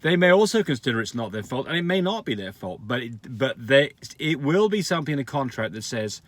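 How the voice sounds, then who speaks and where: A man at a middle pitch talks through viewer questions in a loose, unscripted way. He is blunt and practical, and he often circles back and restarts his sentences as he explains. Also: very animated, a little fast, dry recording. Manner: frank, rambling explanations with restarts and fillers. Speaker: dog breeder answering viewer questions. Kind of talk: casual advice Q&A.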